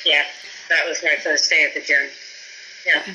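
Middle-aged woman, affectionate mom on a phone call, piercingly bright voice. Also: deep voice, level tone, normal speed, a little hiss or hum. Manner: warm, reassuring, affectionate. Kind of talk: casual phone chat.

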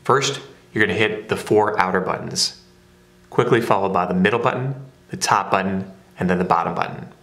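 Man, very low voice, methodical how-to narration, echoey room. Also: a little fast, gravelly, fairly bright tone. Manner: plain, methodical instructions. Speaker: product demonstrator. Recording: roomy echo.

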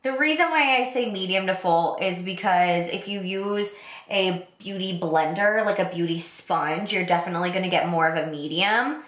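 Young woman beauty vlogger, lingering cold rasp, enthusiastic and chatty, recorded in a roomy space. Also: fairly low pitch, normal speed, a bit bright. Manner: chatty, enthusiastic product talk. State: lingering cold, slightly raspy congested voice. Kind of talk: casual get-ready-with-me makeup talk. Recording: roomy echo.

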